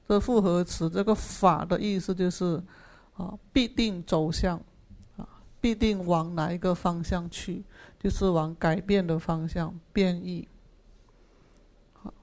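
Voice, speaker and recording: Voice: medium pitch, fairly even intonation, darkish tone. Patient teacher explaining Buddhist terms. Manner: unhurried, repeats key phrases, frequent drawn-out "ah" fillers; patient explaining of Pali terms, asks and answers own questions. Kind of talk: explanatory dharma class lecture.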